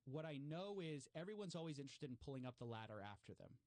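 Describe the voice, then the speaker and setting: A man talking casually and explaining at length, animated, with frequent fillers and restarts. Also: a little high, fast, dry recording.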